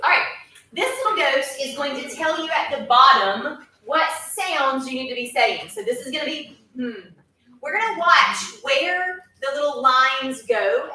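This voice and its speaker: A woman teaching a class of children, playful and coaxing as she leads warm-ups. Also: high voice, slight background noise. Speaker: music teacher. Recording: echoey classroom from far off.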